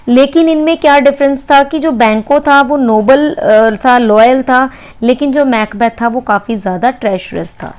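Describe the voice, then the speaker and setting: A woman's voice: on the high side, a little mellow. A woman teaching literary terms in an explanatory lecture, asking and answering her own questions. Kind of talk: explanatory lecture mixing Hindi and English.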